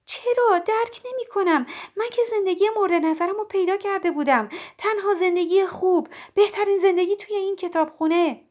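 A woman's voice: very high voice, hardly any pauses, pitched above the performer's own voice. Woman voicing an anxious pleading young woman. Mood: panicked.

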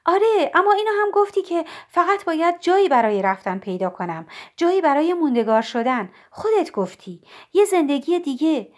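A woman voicing an anxious young woman who pleads and questions in a high voice. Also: very animated, darkish tone. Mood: insistent.

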